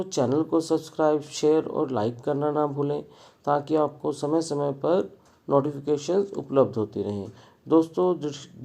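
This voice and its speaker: Male teacher, dark gravelly voice, slow measured delivery, lists terms with pauses. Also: medium pitch. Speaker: Hindi grammar teacher. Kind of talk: slow explanatory lesson.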